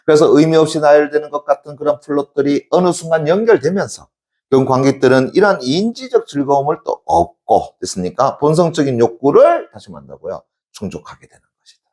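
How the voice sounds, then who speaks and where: A male exam-prep teacher giving a classroom lecture, constantly checking in with his class and answering his own questions. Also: on the high side. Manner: call-and-response, keeps asking "됐니?" and answering himself; emphatic, shouts out examples.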